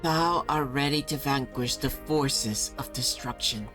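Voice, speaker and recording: Ancient regal spirit, dreamy distant echo in the mind, low voice, solemn archaic speech, music behind. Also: female voice, unhurried. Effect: dreamy distant voice echoing in the mind. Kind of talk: video game voice acting. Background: game music.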